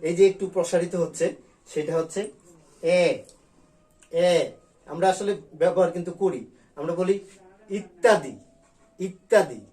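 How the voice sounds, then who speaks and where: A male school teacher from Bangladesh giving an online grammar class, repeating key sounds slowly and drilling them. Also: high-pitched, fairly even intonation, dark tone.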